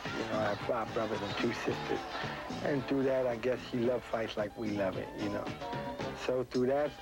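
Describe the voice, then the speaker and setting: A man's voice: medium pitch, fairly even intonation, normal speed. A man speaking colloquially as a family member in an informal documentary interview. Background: loud music.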